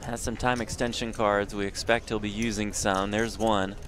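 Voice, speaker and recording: A man's voice: fairly low pitch, flat delivery, moderate pace, fairly bright tone, a little hiss or hum. A man calling tournament poker play by play, reporting each bet and card as it comes.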